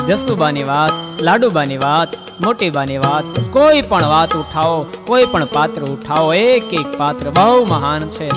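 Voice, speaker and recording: A man delivers a devotional story sermon, his voice high for a man. He talks in a sing-song, emotive way that swells into impassioned peaks. Devotional music plays clearly beneath him. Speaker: preacher.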